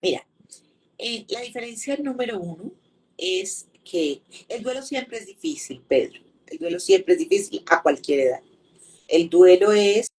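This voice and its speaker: A woman speaks as a grief counselor in an interview. Her voice is husky and a little breathy, sitting at an ordinary middle pitch, and she explains patiently, circling back to repeat her main points and lay out simple examples. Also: darkish tone. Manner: patient, teacherly, uses repetition and examples.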